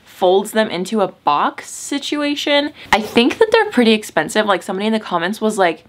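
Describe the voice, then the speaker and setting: A woman's voice: mid-range voice, very animated, moderate pace. Chatty young woman vlogging at home. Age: young adult. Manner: chatty, rambling, lots of "like" fillers. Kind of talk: casual chat. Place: at home, indoors.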